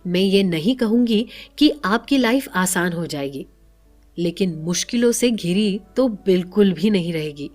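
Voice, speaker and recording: A woman narrates a self-help book summary in a calm, motivational tone. She speaks slowly and deliberately, at a mid pitch. Soft music plays faintly underneath her voice. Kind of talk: scripted narration.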